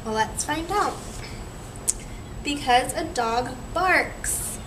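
Very slowly and with lively intonation, a young woman with a high voice reads a picture book to children, prompting them teacher-style. She's in a chair in a small room, recorded by a far camera mic with obvious noise around.

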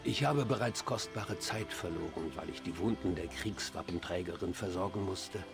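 A man playing an anxious, devout dark-elf priest in a fantasy game, speaking formally and earnestly. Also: sits low, moderate pace, creaky, music in the background. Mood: formal, reverent. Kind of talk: fantasy game dialogue acting.

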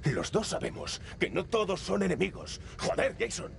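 Troubled young soldier, animated Castilian Spanish. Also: male voice, high-pitched, normal speed, vocal fry, slight background noise, heavily acted. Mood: indignant. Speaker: video game character. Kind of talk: dramatic game dub acting.

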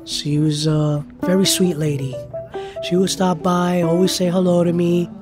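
A man's voice: high voice, flat delivery, measured pace, music in the background. A man who works as a hotel bellhop, talking in an interview and reminiscing in a heartfelt way.

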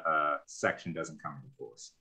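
A man's voice: rumbling low, steady tone, normal speed, creaky, sharp tone. A man improvising a sitcom scene, anxious and self-pitying. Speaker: improv comedy performer.

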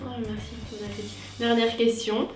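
A woman's voice: fairly high pitch, level tone, moderate pace, slight background noise. A woman in her twenties chatting casually as a contestant, in short offhand remarks. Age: 20s. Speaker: challenge contestant. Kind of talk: casual chat. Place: living room, indoors. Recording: echoey living room, music behind.

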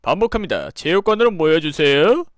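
Commanding school intercom announcer, high and bouncy, a formal summons, as a male streamer puts it on. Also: sing-song, fairly quick, no room sound. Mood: announcing. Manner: mic-check opening, repeated formal summons. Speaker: game streamer. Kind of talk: reading visual novel lines aloud.

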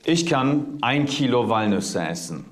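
A man giving slow, drawling, preachy advice in a played video clip. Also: medium pitch, big pitch swings.

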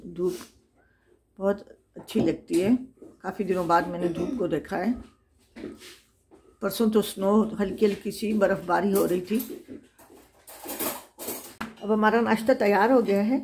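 A woman's voice: medium pitch, a little mellow, a little hiss or hum. An older woman from Pakistan narrating casually while she cooks and tidies her home kitchen, chatting and calling out to the children. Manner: chatty, calls to the children while doing housework. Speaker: home cooking vlogger, grandmother. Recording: kitchen clatter of dishes and cutlery.

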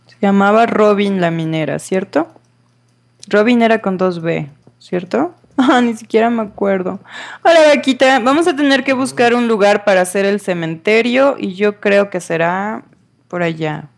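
A woman's voice: medium pitch, lively intonation, moderate pace, vocal fry. A woman, commenting on her gameplay in a dramatic way and scolding the game creatures. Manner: dramatic, talks to game mobs and sings along. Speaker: gamer.

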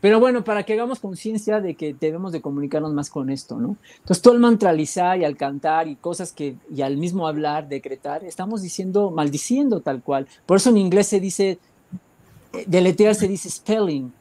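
A man with a Mexican accent giving a rambling spiritual talk, often searching for words and filling pauses. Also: sits high, lively intonation, warm tone. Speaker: guest speaker.

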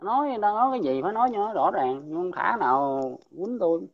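A man's voice: high-pitched, big pitch swings, fairly quick, lo-fi sound. A man from An Giang with a Mekong Delta Southern Vietnamese accent, telling local gossip in a blunt, rambling casual chat and chuckling along the way. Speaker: local storyteller.

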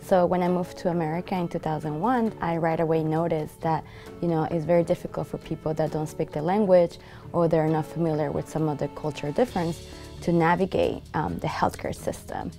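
A woman's voice: low voice, fairly even intonation, a little fast, mellow, faint music behind. A young woman from Peru, a graduate student speaking earnestly in an interview with many fillers. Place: library room. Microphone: lapel.

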